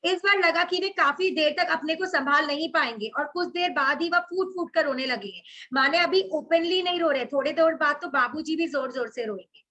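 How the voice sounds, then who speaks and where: A woman's voice: sits high, normal speed, pushed and bright. A woman teacher reading passages from a story aloud and explaining them line by line, mixing in English words. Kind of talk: explaining a Hindi literature chapter to students.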